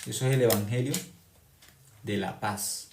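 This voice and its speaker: A man's voice: measured pace, creaky, slight background noise. Emphatic male preacher in an echoey room. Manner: emphatic, swings between loud exclamations and quiet low lines; repeats phrases for emphasis. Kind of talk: sermon.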